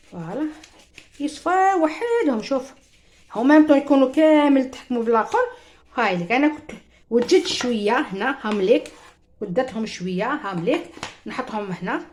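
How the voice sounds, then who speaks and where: A woman's voice: fairly high pitch, slight background noise. A woman with an Algerian Arabic accent gives a chatty home cooking demonstration, talking straight to her viewers and mixing in French words. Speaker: cooking show host.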